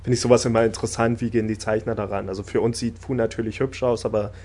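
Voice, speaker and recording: A man chatting casually about an anime episode, talkative and laughing often, getting animated when enthusiastic. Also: fairly low pitch, quick pace. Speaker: podcast host discussing anime. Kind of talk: casual chat.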